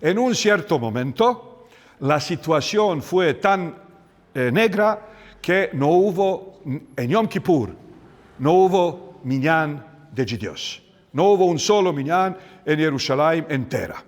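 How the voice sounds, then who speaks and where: Male folklorist guide with a Bosnian accent, fairly high voice, unhurried storyteller, dry close sound. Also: lively intonation, no room sound. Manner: storytelling, unhurried with many restarts. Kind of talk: guided walking tour talk.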